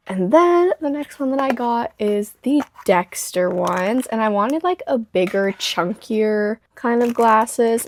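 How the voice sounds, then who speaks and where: A woman's voice: medium pitch, creaky. A young woman with a slight lisp from her retainers, chatting casually and gushing in a book vlog. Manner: bubbly, gushing, quick bursts of excitement. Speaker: book vlogger. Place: bedroom at night.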